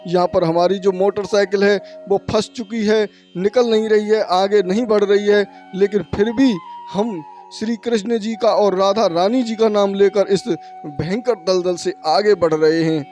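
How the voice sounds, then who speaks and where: A man's voice: high-pitched, fairly even intonation, unhurried, few pauses, a little mellow, soft background music. A man narrating a devotional travel vlog outdoors on a muddy road in the rain, speaking urgently to his viewers as friends. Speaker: pilgrimage vlogger.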